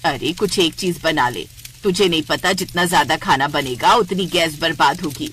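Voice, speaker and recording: A woman voicing a sharp-tongued older mother-in-law who scolds and frets in a cartoon story. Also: low voice, moderate pace, slight background noise. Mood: scolding. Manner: scolding, nagging. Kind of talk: cartoon voice acting.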